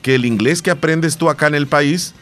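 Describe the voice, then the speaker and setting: A man from El Salvador co-hosts a relaxed talk show. He rambles and circles back, often repeating a word before he finishes his thought. Faint music plays behind him. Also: a little high, a little fast. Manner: rambling, repeats words and restarts. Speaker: podcast co-host. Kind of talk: casual radio-style chat.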